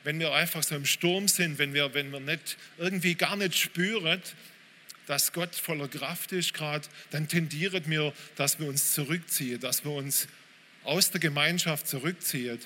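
A man's voice: on the high side, normal speed, sharp tone. Man preaching in a reverberant hall. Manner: informal, direct, addresses listeners with hey. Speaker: pastor. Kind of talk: sermon. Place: church hall. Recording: reverberant hall, faint room noise.

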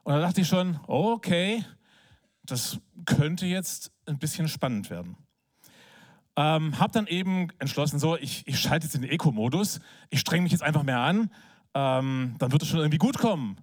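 Man preaching a casual, animated sermon. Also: a little high, a little fast. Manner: conversational, animated storytelling with filler words; soft, hushed prayer. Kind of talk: sermon with personal story and prayer.

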